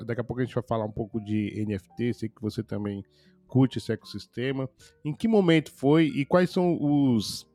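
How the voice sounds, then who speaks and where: A man with a Brazilian Portuguese accent, hosting a podcast and asking questions in a relaxed, slangy way. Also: medium pitch. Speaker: podcast host. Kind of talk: casual interview.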